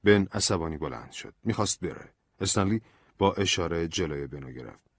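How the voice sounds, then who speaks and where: A man narrating an audiobook in a calm, measured storytelling manner. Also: low-pitched, slightly rough, no room sound, studio quality.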